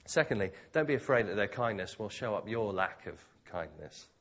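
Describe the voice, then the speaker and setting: A man preaching a sermon, expounding scripture in a conversational, expository way. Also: normal speed. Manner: conversational, expository, with lively pitch.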